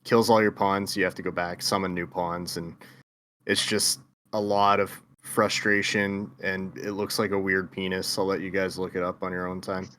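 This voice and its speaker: A man with a hoarse voice chatting casually on a gaming podcast, laid-back and swearing freely. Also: sits low, little pitch movement, normal speed, a bit bright, a little hiss or hum. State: hoarse, lost his voice. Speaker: podcast co-host. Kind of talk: casual chat.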